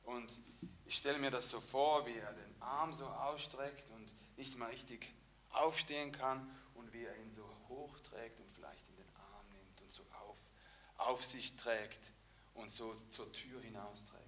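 A man preaching a sermon, telling the story vividly, moving between hushed and emphatic passages. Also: medium pitch, moderate pace, a little hiss or hum.

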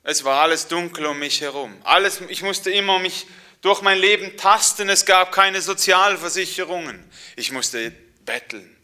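A man speaking in the first person as an older blind beggar who was cast out, earnest, crying out loudly and then dropping to a whisper. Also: high-pitched, normal speed, voice pushed up.

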